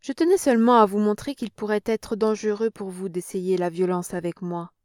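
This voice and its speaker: A brave young woman, read by a woman narrator, speaks in a cold, curt and commanding tone. Her voice sits at a middle pitch, close and dry. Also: moderate pace, darkish tone, dry recording, close to an everyday voice.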